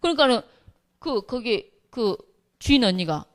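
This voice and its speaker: A middle-aged woman, a pastor's wife, telling a humorous church testimony with lively storytelling, acting out what others said. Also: a little high, measured pace. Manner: lively storytelling, acts out quotes, laughs often.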